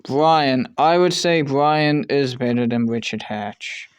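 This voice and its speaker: Rambling, swearing man with a smooth voice. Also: medium pitch, takes it slowly, no room sound. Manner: rambling, swears casually, trails off and restarts. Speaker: video creator ranking show contestants. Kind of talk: casual commentary while making a tier list.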